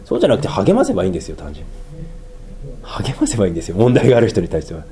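A man preaching a sermon. He drags out key phrases slowly for emphasis, then rushes through asides and sometimes laughs at himself. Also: deep voice. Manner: animated, swings between slow emphatic phrases and quick asides, laughs at himself. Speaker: pastor.

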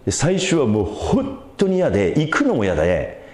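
Animated Japanese pastor preaching, echoey. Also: male voice, moderate pace. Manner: animated, conversational preaching with wide swings in pitch. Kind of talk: sermon.

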